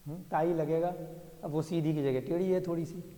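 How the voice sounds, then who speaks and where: A man's voice: on the high side, fairly even intonation, a little fast, mellow, big-room sound. A male teacher explaining an inscription to a class, thinking aloud and checking in with his students. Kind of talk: classroom lesson reading an inscription.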